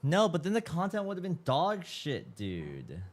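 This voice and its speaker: A man's voice: on the high side, wildly swooping pitch, unhurried. A man in his mid twenties, chatting casually as a livestream host, slangy and swearing freely, sounding tired. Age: 20s. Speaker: streamer.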